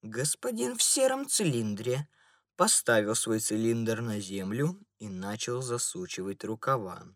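A man narrating an audiobook story in a measured, even way. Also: on the low side, no echo, studio quality. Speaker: audiobook reader. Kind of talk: scripted narration.

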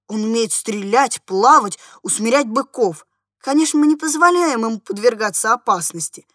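A woman's voice: a little high, no room sound, clean studio sound. A woman voicing an affected, fawning middle-aged society lady who gushes sweetly and turns disdainful. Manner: sugary and gushing, turning sharp and disdainful.

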